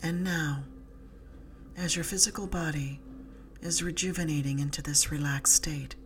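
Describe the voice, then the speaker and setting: A woman narrating a sleep story as a guided relaxation, in a soothing, hushed, breathy voice that often softens into a whisper. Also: low voice, fairly even intonation, slight background noise. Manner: soothing, hushed, breathy delivery with soft whispery phrase endings. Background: slow music with drum beat.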